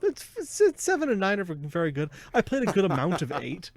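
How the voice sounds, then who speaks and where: A man's voice: sits high, wildly swooping pitch, brisk, no room sound. A man co-hosting a casual gaming podcast, chatting playfully and joking with his co-host. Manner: playful, jokey, reads ad copy with mock drama.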